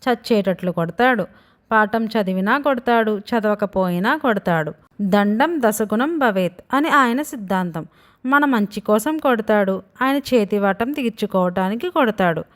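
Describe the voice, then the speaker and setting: A woman's voice: medium pitch, animated, a little slow, close to an everyday voice. Woman reading as a defiant, taunting schoolboy. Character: cheeky schoolboy son, now in his father's body.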